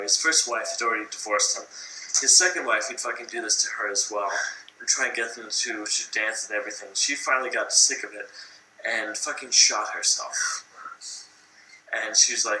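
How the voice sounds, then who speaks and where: A man's voice: lowish voice, moderate pace, sharp tone, reverberant, slight background noise, low-quality recording. A drunk man rambling through a history story, swearing constantly and slurring. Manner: profane, slurring, rambling, acts out quotes. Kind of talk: tipsy rambling retelling of history.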